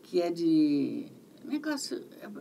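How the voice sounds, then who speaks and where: A middle-aged woman with a Brazilian accent, a voice actress chatting in an interview, telling stories in an animated way and repeating herself for emphasis. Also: lowish voice, slow, gravelly. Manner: animated, repetitive storytelling. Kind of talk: casual interview chat. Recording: distant mic, faint background noise.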